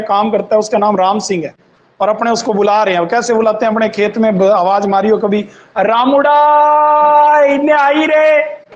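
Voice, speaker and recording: Man, online teacher, repeats definitions slowly, light background noise. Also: high voice, muffled recording. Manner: slow dictation, repeating phrases for students to write. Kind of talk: online Hindi grammar lesson.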